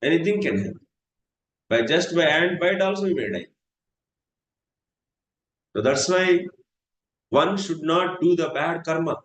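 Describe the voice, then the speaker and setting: A man's voice: fairly high pitch, animated. A man giving a scripture class, speaking in an earnest, repetitive way. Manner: earnest, repetitive, swings between slow and fast. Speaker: spiritual teacher. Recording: echoey room with faint noise.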